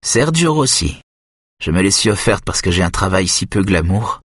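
A male audiobook reader voicing a composed young woman archaeologist, his pitch gently raised and his delivery soft-spoken. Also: animated, moderate pace, slightly rough, dry recording, studio quality, heavily acted. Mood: wry. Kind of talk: audiobook reading.

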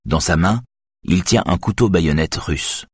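A man reading an audiobook novel as narrator, in even, measured storytelling. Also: low-pitched, breathy edge, dry recording, studio quality. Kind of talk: scripted narration.

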